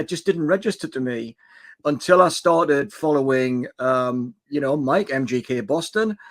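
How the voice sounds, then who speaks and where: A retired man in his sixties, chatting casually on a livestream about his vinyl channel, rambling with many fillers. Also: a little high. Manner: rambling, filler-heavy storyteller. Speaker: YouTube vinyl channel host, guest.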